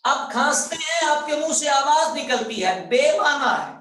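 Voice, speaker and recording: High-voiced man teaching grammar, echoey. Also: expressive, a bit bright. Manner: repeats key terms, quizzes students, stretches words slowly for emphasis. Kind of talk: online grammar class lecture. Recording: very echoey room, voice far from mic.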